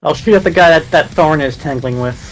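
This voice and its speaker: A man's voice: fairly high pitch, fairly quick, poor audio. Hesitant man playing a tabletop game. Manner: hesitant, restarts his sentences. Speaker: player. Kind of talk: casual tabletop play.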